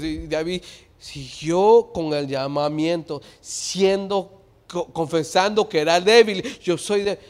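A middle-aged male preacher giving a sermon, moving from quiet talk to loud preaching shouts and slipping English words into his Spanish. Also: on the high side.

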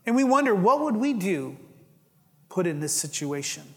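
A man's voice: high voice, very animated, normal speed, long reverb tail. A pastor delivering a sermon to his congregation, earnest and emphatic, often restarting his phrases. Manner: earnest preaching with rising emphasis and frequent restarts.

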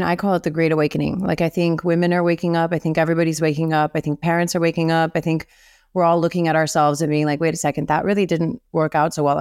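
A woman's voice: lowish voice, a little mellow, no echo, studio quality. A woman in her thirties hosting a podcast interview, chatty and upbeat with lots of "like" and "you know". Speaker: podcast host.

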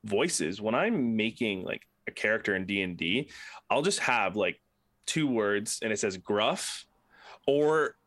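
Male podcaster with a low voice, loose and rambling, swears a lot, recorded dry. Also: lively intonation, measured pace, fairly bright tone, no room sound. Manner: rambling, swears freely, many restarts. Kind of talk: casual podcast chat.

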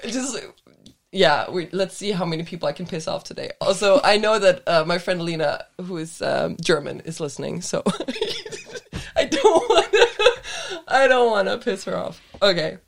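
A woman's voice: fairly low pitch, moderate pace, gravelly. A woman co-hosting a podcast, chatting casually in a rambling, giggly way and swearing freely. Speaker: podcast co-host.

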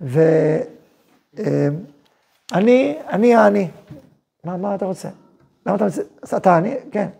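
A man teaching a Torah class as a rabbi, telling a story and acting out its voices with emphatic, lively delivery. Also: high voice, vocal fry, long pauses, slightly rough. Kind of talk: animated Torah lesson with storytelling.

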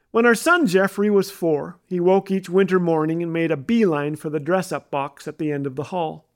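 Wry storytelling man, high voice. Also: moderate pace. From Canada. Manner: wry, self-mocking delivery. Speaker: radio host. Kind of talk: humorous storytelling.

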